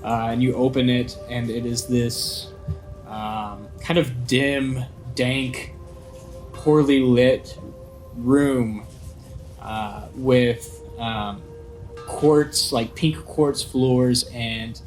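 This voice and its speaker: Male game master, average pitch, halting descriptive tabletop narration, quiet music underneath. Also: fairly even intonation, poor audio.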